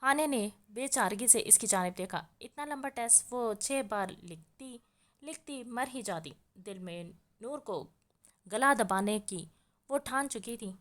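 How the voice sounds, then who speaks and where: A woman reading a romance novel aloud with expressive storytelling. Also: on the high side, measured pace. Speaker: audiobook narrator.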